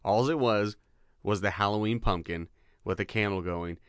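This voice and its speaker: A man co-hosting a casual movie podcast, relaxed and halting, with many fillers and casual swearing. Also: fairly low pitch, clear, resonant tone, no echo, clean studio sound. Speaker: podcast co-host.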